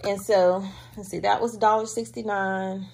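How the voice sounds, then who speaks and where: A woman's voice: medium pitch, fairly even intonation, normal speed, gravelly, a little mellow. A woman talks casually with her viewers from home. Her manner is homey and chatty, and she calls them y'all. The recording has the close, plain sound of a handheld camera indoors. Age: adult with a daughter. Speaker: vlogger showing a grocery haul. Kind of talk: casual chat.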